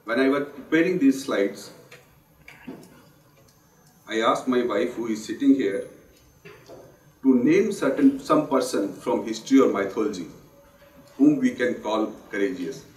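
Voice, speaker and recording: A man with a husky voice, hoarse from a sore throat and flu, giving a formal memorial lecture in a measured, earnest way. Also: medium pitch, expressive, a little mellow, recorded from a distance. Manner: measured, earnest, with pauses and restarts. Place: lecture hall. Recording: roomy hall sound, speaker off the mic.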